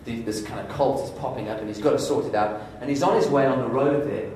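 A man preaching a sermon, telling a Bible story in a lively storytelling way and voicing the inner thoughts of its people. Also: medium pitch, fast talker, heavy reverb, recorded from a distance, a little hiss or hum, low-quality recording.

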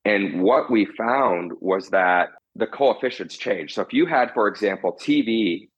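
Deep husky guy explaining stuff as an interview guest, muffled lo-fi recording. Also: animated, unhurried. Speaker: interview guest, marketing executive.

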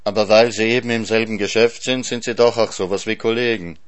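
A man reading a folk tale aloud as narrator, calm and measured. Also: fairly low pitch. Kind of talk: scripted story narration.

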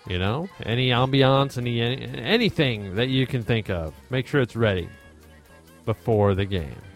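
A man's voice: medium pitch, expressive, normal speed, faint music behind. Easygoing man giving friendly advice. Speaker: podcast co-host. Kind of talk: casual tabletop gaming chat.

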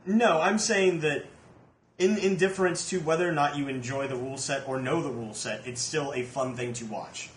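A man's voice: on the high side, normal speed. A young man in casual group chat, blunt and profane, often laughing as he talks. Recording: echoey room.

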